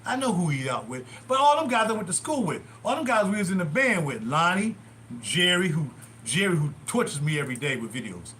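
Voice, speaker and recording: A man in his sixties hosts a casual livestream from a small bathroom at home, rambling through stories of his youth in an animated, digressive way. His voice is high-pitched and brisk, with slight background noise.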